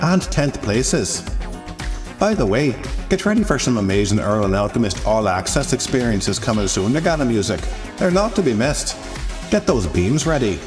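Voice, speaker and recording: A man's voice: medium pitch, pitched above the performer's own voice. A man doing a bouncy robot with a fake Irish lilt. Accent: put-on Irish. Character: chatty robot chart host, male, fake Irish lilt.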